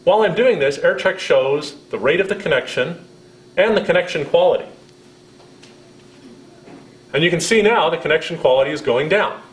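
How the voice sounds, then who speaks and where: In a roomy-sounding space, a middle-aged American man delivers a scripted product demonstration, explaining each step in a friendly, instructional way. His slightly high voice is expressive and melodic, moving at a moderate pace with long pauses.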